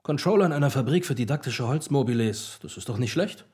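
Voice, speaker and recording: A man's voice: mid-range voice, animated, quick pace, darkish tone, husky. An actor playing a grown-up Harry Potter as a mild, placating family man in a radio play. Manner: mild, placating, slightly weary.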